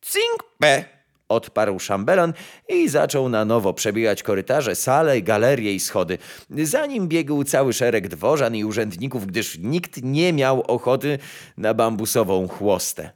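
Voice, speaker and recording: A man narrating a fairy tale in an expressive storytelling manner. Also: medium pitch, unhurried.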